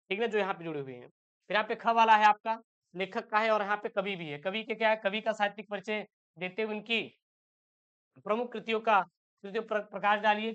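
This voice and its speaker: A male teacher, giving an exam-prep lesson. He reads set texts aloud slowly and keeps asking questions that he answers himself. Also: sits high, a bit bright, clear, resonant tone, lo-fi sound.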